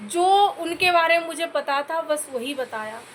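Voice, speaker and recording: Woman vlogger, high pitched, scolding, pleading, faint background ambience. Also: moderate pace, fairly bright tone, a little hiss or hum. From Uttar Pradesh, India. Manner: scolding, repeatedly addressing listeners as "bhai"; earnest, pleading for comments. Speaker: YouTube vlogger. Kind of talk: direct-to-camera commentary rant.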